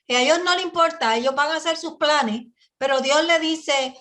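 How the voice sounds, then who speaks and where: Mujer predicadora de voz aguda y brillante. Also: female voice, high-pitched, normal speed, pushed and bright. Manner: teaching with frequent rhetorical "¿verdad?" and restarts. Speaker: Bible teacher. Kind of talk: Bible study sermon.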